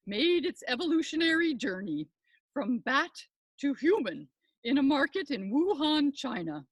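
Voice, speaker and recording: A high-pitched older woman delivers a scripted comic monologue as a pompous professor who hosts a podcast, speaking in a florid, deliberate academic manner. The recording is dry and rough.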